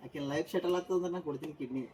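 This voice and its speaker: A man's voice: a little high, rapid-fire, a little mellow. A father, chatting with his family at home and making teasing quips. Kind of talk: casual family chat.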